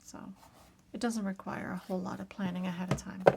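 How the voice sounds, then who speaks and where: A woman with a raspy voice chatting casually as she works on a craft project, often dropping to a soft whisper. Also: mid-range voice, little pitch movement, fairly quick, heavy background noise. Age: adult parent. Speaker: crafting video host.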